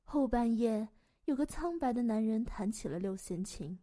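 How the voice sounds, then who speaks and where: A woman narrating a fantasy story in a gentle, even reading voice. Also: a little high, normal speed.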